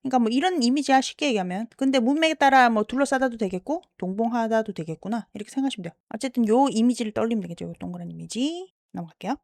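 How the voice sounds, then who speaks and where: A woman teaching English vocabulary in a lecture style. She checks understanding with frequent questions and slows down to sound out English words. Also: on the high side, no echo, studio quality.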